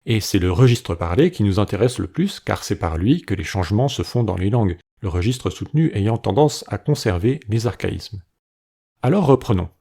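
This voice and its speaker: Husky-voiced man explaining linguistics. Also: fairly low pitch, animated, moderate pace, warm tone. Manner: clear explanatory delivery, demonstrates pronunciations. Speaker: linguistics educator. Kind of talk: scripted educational narration.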